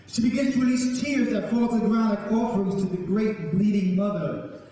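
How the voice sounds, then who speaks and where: His voice is high yet darkish in tone: a middle-aged poet giving a live spoken-word performance with informal asides to the audience. The recording comes from a distant mic in an echoey campus event hall, with a live audience and faint noise.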